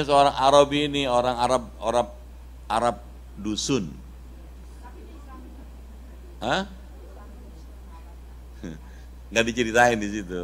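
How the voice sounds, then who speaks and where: A middle-aged man from Indonesia preaching a casual sermon in a mosque, telling a story with lively quoted voices. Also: medium pitch.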